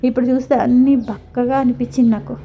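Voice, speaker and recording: A woman's voice: on the high side, fairly even intonation, fast, muffled recording, a little hiss or hum. A middle-aged woman from India narrating a casual vlog of a zoo visit, talking in a sympathetic, rambling way with many restarts. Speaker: vlogger. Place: outdoor zoo park.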